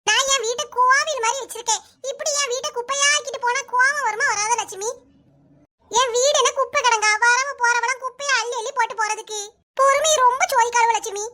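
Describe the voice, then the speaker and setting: A woman's voice: very high-pitched, fairly even intonation, brisk, sharp tone. A woman voicing a quarrelsome middle-aged village woman in a cartoon, complaining and scolding in Kanyakumari Tamil. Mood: indignant. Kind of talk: cartoon dialogue.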